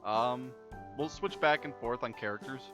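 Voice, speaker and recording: This is a young man's informal let's play commentary, with game text read aloud and words repeated as he stumbles. He has a medium pitch and a normal pace, and a dull lo-fi mic picks him up over game music.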